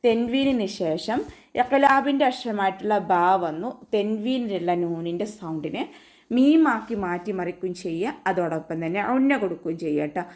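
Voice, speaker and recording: A woman with a Malayali accent teaching Quran recitation in an online class, explaining each letter patiently and chanting example verses slowly. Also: medium pitch, expressive, a little mellow. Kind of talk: online tajweed lesson.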